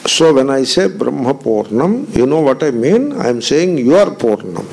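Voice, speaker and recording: Male spiritual teacher, creaky gravelly voice, mid-pitched, emphatic rhetorical questions, repetitive phrasing. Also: very animated, normal speed, a little mellow. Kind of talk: Vedanta discourse.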